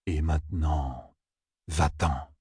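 Eerie nonhuman seer, drawn out and breathy, voiced by the narrator, dry close recording. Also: male voice, a bass voice, steady tone, no room sound, pitched below the performer's own voice, exaggerated voice. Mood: ominous. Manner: slow, hushed, drawn out. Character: eerie inhuman being, slow and ominous.

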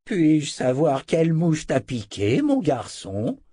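A man putting on a slow, cranky old wizard. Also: fairly high pitch, wildly swooping pitch, dark tone, husky, no room sound, studio quality, pitched above the performer's own voice, heavily acted. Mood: grumbling.

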